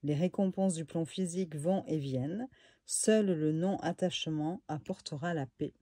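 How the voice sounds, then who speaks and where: A woman casually reviewing a tarot deck for her viewers in a room at home, relaxed and chatty, with lots of fillers and small asides. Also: low-pitched, moderate pace, dry recording, studio quality.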